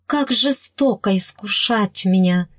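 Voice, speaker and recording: A woman voicing a sorrowful young woman from a storybook who has been wronged and speaks with slow, tearful restraint. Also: medium pitch, dry recording, clean studio sound. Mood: anguished.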